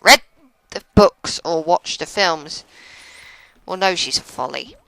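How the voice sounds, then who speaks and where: A woman's voice: low voice, slow, creaky, no room sound, low-quality recording. A woman giving casual commentary over a video game, often stumbling over her words and poking fun at herself. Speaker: let's play commentator.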